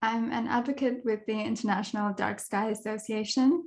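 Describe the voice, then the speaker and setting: A young adult woman from Kenya giving a presentation talk over a video call as a dark sky advocate, in a thoughtful way with soft fillers. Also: fairly high pitch, fairly even intonation, moderate pace, creaky.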